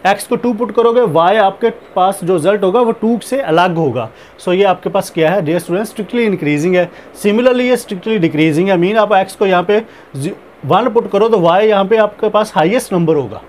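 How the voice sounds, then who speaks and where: High-voiced man slowly explaining math. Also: darkish tone, slight background noise. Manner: slow, deliberate explaining, mixing Hindi-Urdu with English math terms; repeats filler phrases while explaining. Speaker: math teacher. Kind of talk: recorded math lecture.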